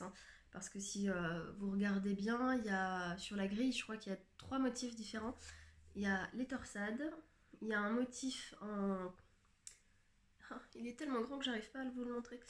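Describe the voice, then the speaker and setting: A woman hosting a knitting podcast, chatting casually to the camera, hesitant and full of fillers and restarts, with a self-mocking touch. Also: medium pitch. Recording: echoey room.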